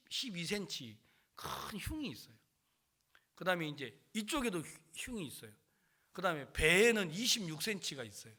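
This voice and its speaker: A middle-aged man preaching a sermon as pastor, telling stories and acting out the voices of people in them. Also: fairly high pitch. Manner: animated storytelling, acts out dialogue with his mother.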